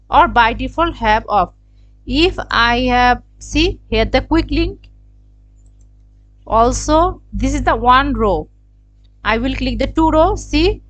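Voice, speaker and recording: Brief: Bangladeshi-accented woman, tutorial host, slow and halting, slightly high voice, dry close sound. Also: no room sound, lo-fi sound. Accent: Bangladeshi English. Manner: hesitant, thinking aloud with many fillers and repeated "see". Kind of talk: screen-recorded software tutorial. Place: indoors at a computer.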